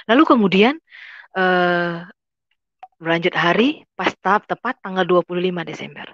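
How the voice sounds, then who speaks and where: A woman's voice: fairly low pitch, expressive, normal speed, a bit bright, no echo, muffled recording. A young woman giving an earnest personal testimony, telling her story plainly and often repeating herself as she reports what was said. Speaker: testimony speaker.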